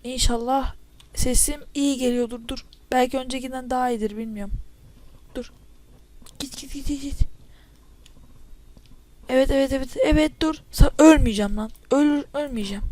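Gaming and commentating on her own play, an excitable high-voiced woman talks at normal speed, pausing often. She uses a spare headset mic for this casual let's-play and erupts into loud yelling whenever things go wrong.

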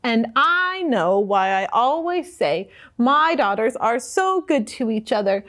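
A woman's voice: sits high, a bit bright, exaggerated voice. A woman voicing a cheerful mother who boasts about her daughters in a read-aloud storybook. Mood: proud.

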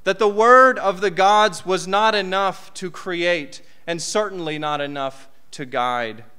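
A man's voice: sits high, unhurried, bright, forceful tone, clear, resonant tone. A man in his thirties preaching a conversational sermon from a church podium, with asides and rhetorical questions. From United States. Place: church hall. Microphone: podium mic.

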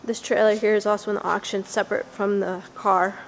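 Speaking a little fast, with medium pitch and little variation, an auction house employee from Western New York gives a casual walking tour of a large indoor vehicle warehouse. She keeps it informal and plain, correcting herself along the way. The handheld camera recording is noisy.

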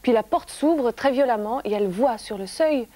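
Soft-spoken woman telling a children's story. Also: a little high, lively intonation, moderate pace. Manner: soft-spoken, dropping to a whisper at times. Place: TV studio.

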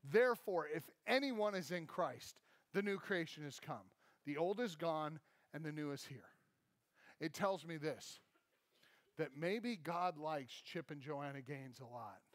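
A man in his thirties delivers a sermon from a church stage, pacing and gesturing as he talks. His voice sits high for a man. The sound is dry and close, with little room echo. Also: expressive, a little slow. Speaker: pastor. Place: church stage, large indoor hall.

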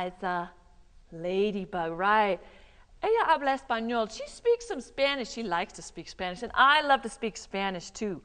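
A woman leads a children's yoga lesson in a library room. She coaxes and animates her young audience, her pitch swinging widely. A long reverb trails her voice. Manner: animated, coaxing, sprinkles in Spanish words. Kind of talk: teaching children live.

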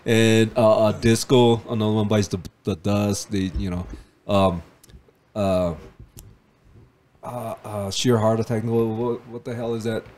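Low-voiced man rambling on a podcast. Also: steady tone, darkish tone, a little hiss or hum. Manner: halting, many fillers and restarts, laughs often. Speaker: podcast co-host. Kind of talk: casual podcast chat.

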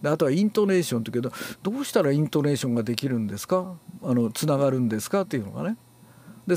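A man giving a spoken lecture as an announcing and reading instructor, unhurried and explanatory, pausing often on fillers and stressing key words firmly. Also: fairly high pitch, creaky, a little mellow. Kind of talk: spoken lecture on speech theory.

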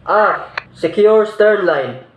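A man's voice: high voice, lively intonation, very slow, crowd noise. A young man playing a ship's officer in a marine radio roleplay, speaking in formal, clipped radio phrasing and closing each turn with "over". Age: young adult. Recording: echoey room with loud noise.

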